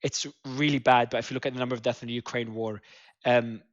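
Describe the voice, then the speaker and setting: Halting male host, dull lo-fi audio. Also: mid-range voice, level tone. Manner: halting, many fillers and restarts. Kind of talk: live news panel discussion.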